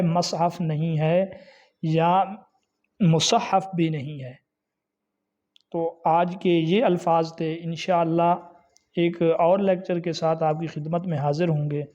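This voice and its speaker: High-voiced man teaching pronunciation. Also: steady tone, dark tone, dull audio. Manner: methodical, spells out vowel marks. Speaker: Islamic studies lecturer. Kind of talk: online pronunciation lesson.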